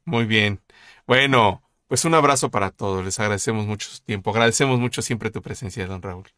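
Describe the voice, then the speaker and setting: A man's voice: fairly low pitch, fairly quick, sharp tone, no echo, clean studio sound. A man hosting a talk show about insurance, chatting casually in a friendly, rambling way with many fillers. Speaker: podcast host. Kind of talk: casual chat.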